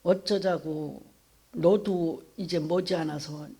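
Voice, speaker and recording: Brief: monk as the Buddha, calm wise teacher, low and hushed, slow, grave. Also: husky. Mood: admonishing. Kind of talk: sermon storytelling.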